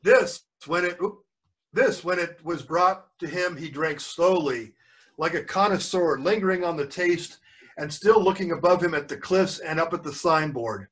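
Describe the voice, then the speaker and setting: In a low-quality recording, a grandfather reads a story aloud to children over a video call with screen sharing. His slightly bright voice is on the high side at normal speed, and he stops often for chatty asides to explain words and check they're following.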